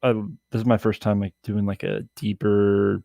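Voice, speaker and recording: A man guesting on a podcast, chatting casually in a halting way full of fillers and restarts. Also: fairly low pitch, level tone, vocal fry, mellow, dry recording, clean studio sound. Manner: halting, filler-heavy, laughs easily. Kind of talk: casual chat.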